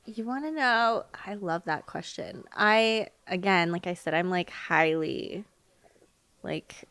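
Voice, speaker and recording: Woman, wardrobe stylist guest, lowish pitch, dry close sound, chatty and giggly, a bit congested. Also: expressive, takes it slowly, fairly bright tone, clear, resonant tone, no room sound. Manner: bubbly, laughs often, chatty with fillers. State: slightly choked up from allergies. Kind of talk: casual interview chat.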